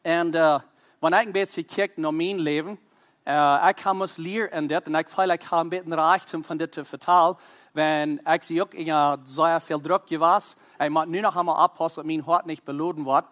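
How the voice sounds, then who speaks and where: A man. He talks haltingly, with many fillers and stray English words mixed into his sermon. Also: fairly high pitch, fairly even intonation, a bit bright. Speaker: preacher.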